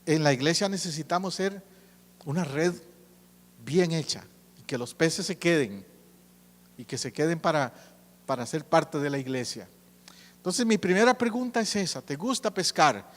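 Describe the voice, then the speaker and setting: A male pastor with a high voice gives a teaching sermon and often puts questions to his listeners. He is recorded in a church sanctuary with a long, ringing reverb. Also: lively intonation, normal speed, long pauses. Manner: teaching, asks the congregation questions.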